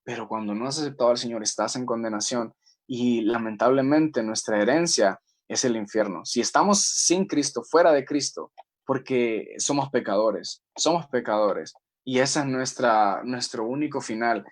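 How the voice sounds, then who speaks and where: A man teaching a Bible study, preaching earnestly and reading scripture slowly with many pauses. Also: medium pitch.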